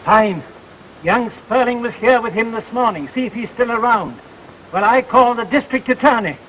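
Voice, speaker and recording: An actor playing an agitated, authoritative professor with an urgent, formal delivery in 1930s film style. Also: male voice, very high voice, animated, normal speed, fairly bright tone. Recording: muffled, hissy 1930 film soundtrack.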